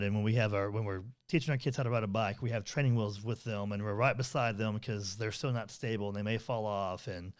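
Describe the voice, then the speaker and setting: A middle-aged man co-hosting a parenting podcast, talking earnestly and rambling, with many fillers and restarts. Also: lowish voice. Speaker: podcast co-host. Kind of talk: casual conversational podcast chat.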